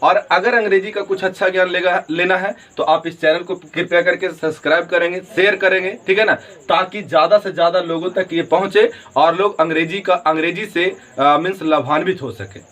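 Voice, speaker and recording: A man teaching an English grammar lesson to students, explaining slowly, often checking in and spelling words out letter by letter. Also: high voice, fairly even intonation, fairly bright tone, poor audio.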